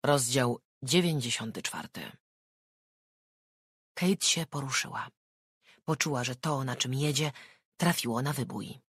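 An audiobook narrator reading a thriller in a measured, even storytelling voice. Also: medium pitch, husky, dry recording, clean studio sound.

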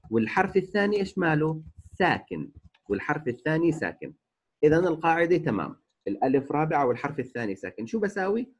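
A man teaching a remote grammar lesson, slowly stretching out example words and repeating each rule. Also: medium pitch, breathy edge, dull audio. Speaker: Arabic teacher. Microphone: recorded voice-over for a distance lesson.

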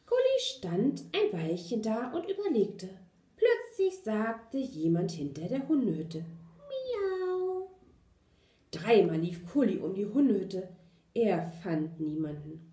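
Gentle German woman reading to children. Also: medium pitch, sing-song, measured pace. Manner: gentle, addresses children with questions. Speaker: kindergarten teacher reading aloud. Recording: roomy echo.

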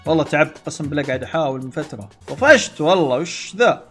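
A young man giving excitable gameplay commentary to his viewers and yelling at other players. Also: a little high, rapid-fire, husky, soft background music. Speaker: gaming channel host. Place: at home playing on a console.

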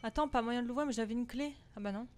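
A woman's voice: on the high side, fast talker. A young woman giving nervous, jumpy let's-play commentary on a horror game, swearing and laughing anxiously. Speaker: gaming streamer.

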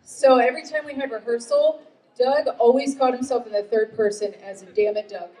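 Higher-voiced woman telling a stage anecdote. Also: a little fast, dark tone, echoey room, poor audio. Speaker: dancer. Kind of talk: casual answer on stage.

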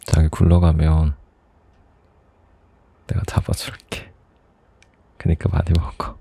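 A young man in a soft, intimate whispered role-play as a teasing, doting boyfriend, close to the microphone. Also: rumbling low, monotone, slow pace, vocal fry, slightly rough, no room sound. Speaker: ASMR performer playing a boyfriend.

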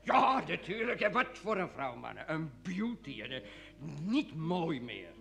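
Koos Hennemans, a bright, gravelly old dealer. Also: male voice, on the high side, very animated, measured pace, soft background music, exaggerated voice. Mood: wistful. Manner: wistful, chatty. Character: sentimental older male secondhand dealer. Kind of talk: vintage radio play acting.

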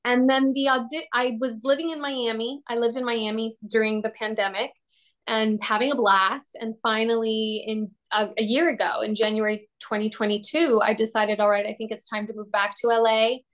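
Lively young woman on a video call. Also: fairly high pitch, normal speed. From Latin America. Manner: lively, expressive, laughs often. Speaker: actor, interview guest. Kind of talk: casual video-call interview. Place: home room, indoors.

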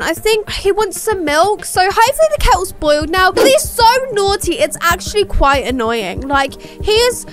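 Very high-voiced woman gamer. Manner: animated, exclaiming, scolding. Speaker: gaming channel host. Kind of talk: playful game commentary. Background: music.

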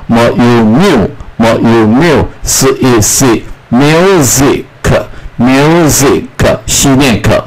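A man teaching schoolchildren English phonics, repeating each word slowly and drilling the sounds. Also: mid-range voice, a little hiss or hum, low-quality recording. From Taiwan.

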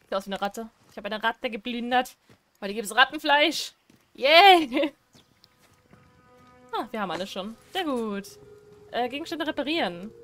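Young woman streamer, casual let's play talk, chatty and excitable, a bit high, squeals now and then. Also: brisk, faint music behind. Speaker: gaming streamer.

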